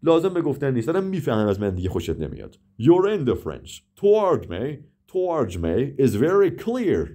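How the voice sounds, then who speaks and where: A man whose first language is Persian, teaching English vocabulary. He explains in Persian and says the English example sentences slowly and with care, often repeating words and stopping short to correct himself. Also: medium pitch, huge pitch swings, warm tone. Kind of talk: vocabulary lesson with example dialogues.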